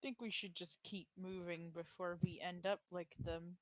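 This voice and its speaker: A woman's voice: lowish voice, level tone, moderate pace, no room sound, highs cut off. A woman playing a tabletop game with friends, making dry, wry remarks. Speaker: player. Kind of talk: casual tabletop play.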